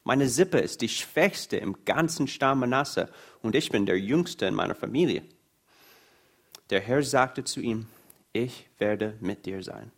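A man's voice: mid-range voice, lively intonation, measured pace. A man preaching a sermon, reading Bible passages aloud in an earnest way.

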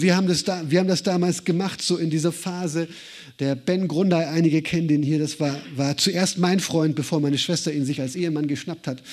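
A man's voice: sits high, darkish tone. German man preaching, direct and personal. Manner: direct, personal address with rhetorical questions. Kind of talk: sermon.

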